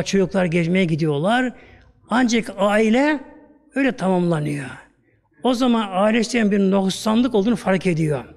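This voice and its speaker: A Turkish man, a religious teacher, telling a moral story in a colloquial way and often repeating little filler words. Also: high-pitched.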